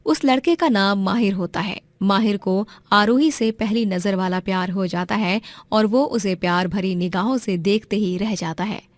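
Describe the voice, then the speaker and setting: A woman narrates a moral story for a cartoon, steady and clear, with a plain, mid-pitched voice. The recording is dry and close. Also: moderate pace, no echo.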